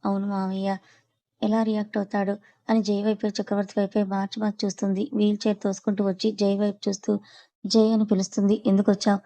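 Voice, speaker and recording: A woman narrating a serialized romance audio novel in a brisk, even reading style. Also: mid-range voice. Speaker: storyteller.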